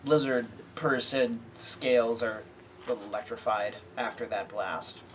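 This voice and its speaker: A man's voice: medium pitch, steady tone, a little slow, fairly bright tone. Male game master in a noisy room. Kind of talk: narrating a tabletop fantasy game, casual table talk.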